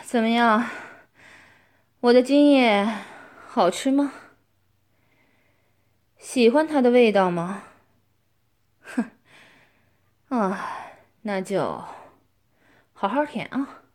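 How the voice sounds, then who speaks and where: A woman's voice: on the high side, drawn-out words, pauses often, a little mellow. A woman playing a bossy possessive older schoolmate. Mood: domineering. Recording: noisy recording with clicks.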